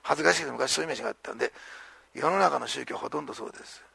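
A male pastor preaching a sermon with animated storytelling, acting out the lines of the people in the story. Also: mid-range voice, very fast, gravelly, slightly rough, no echo.

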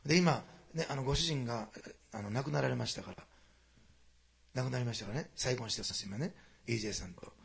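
A man preaching a sermon to a congregation, moving quickly between quiet storytelling and loud, animated passages. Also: medium pitch, gravelly. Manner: fast, animated preaching that swings from hushed asides to loud climaxes. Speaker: pastor.

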